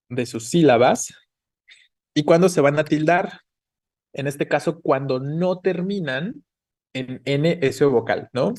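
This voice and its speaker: A man's voice: mid-range voice, darkish tone. A man teaching an online class, explaining patiently and checking in with the students often. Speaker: Spanish teacher.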